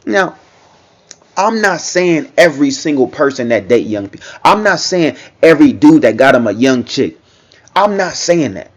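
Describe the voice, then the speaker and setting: A man's voice: a little high, very animated, moderate pace. A man giving casual reaction commentary, talking in a loose, repetitive way and often checking in with the listener. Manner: conversational, repeats himself, frequent "you know what I'm saying".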